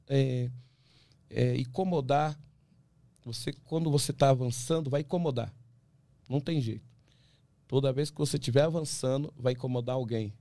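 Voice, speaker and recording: A man, an ultramarathon runner from Brazil, talking as a podcast guest, animated and full of restarts, acting out what others say. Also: mid-range voice, dry recording. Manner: animated storyteller, many restarts, acts out quoted voices. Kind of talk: casual interview talk.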